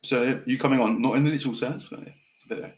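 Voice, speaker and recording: A man's voice: mid-range voice, steady tone, a little mellow, poor audio. Rambling man who says w for r. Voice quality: can't pronounce R's properly, saying w for r. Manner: fast, direct, passionate delivery that can sound angry; rambling, loses his thread and restarts. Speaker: podcast host. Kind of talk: off-the-cuff casual monologue.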